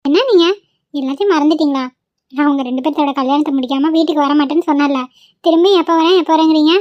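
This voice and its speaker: A woman voicing a high, stubborn young wife. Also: fairly even intonation, quick pace, darkish tone, no echo, lightly acted. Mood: teasing. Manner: pleading, earnest. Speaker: voice actor. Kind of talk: amateur cartoon voice acting. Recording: dull, dry, lo-fi recording.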